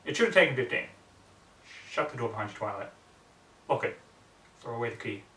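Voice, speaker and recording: With an expressive, fairly bright medium-pitched voice and a slightly fast pace, a man reads a story dramatically, brooding and theatrical, frequently breaking into clipped fragments. It's recorded from a distance in an echoey room.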